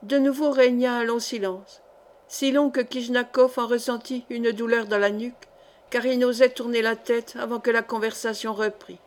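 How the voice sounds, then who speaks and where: A woman reading a literary short story aloud in a measured, steady narration. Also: on the high side. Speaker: audiobook reader.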